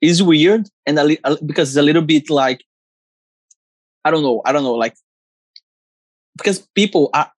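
A co-host in a casual chat who speaks broken English, halting and searching for words, on an earphone mic. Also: medium pitch, no room sound. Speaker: podcast co-host. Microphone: earphone microphone.

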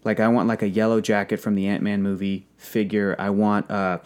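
A man's voice: on the low side, a little fast, smooth. A man in casual, enthusiastic podcast conversation, telling stories and acting out little quotes as he goes. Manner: animated storytelling, acts out quotes. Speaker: podcast guest, toy collector.

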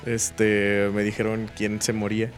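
A young man with a Mexican Spanish accent co-hosting a podcast, chatting casually in an animated, slangy way. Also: on the low side, a little slow, faint music behind. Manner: animated, slangy, laughs often. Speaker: podcast co-host. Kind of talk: casual chat.

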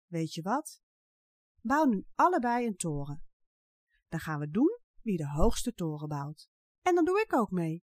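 A woman doing a calm storybook mother. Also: on the low side, measured pace, long pauses, no room sound, clean studio sound. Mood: soothing. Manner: soothing, sensible.

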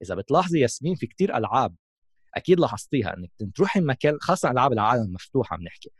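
A man's voice: medium pitch, very animated, very fast, breathy edge, no room sound, clean studio sound. A man with a Levantine Arabic accent giving a casual explanatory tech talk as a gaming host, mixing in English terms.

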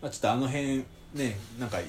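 A man hosting a casual chat podcast, talking lively and laughing often. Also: mid-range voice, quick pace, slight background noise. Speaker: podcast host.

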